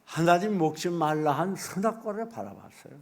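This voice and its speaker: A middle-aged man preaching a sermon as pastor, folksy and animated, acting out little asides. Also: sits high, normal speed.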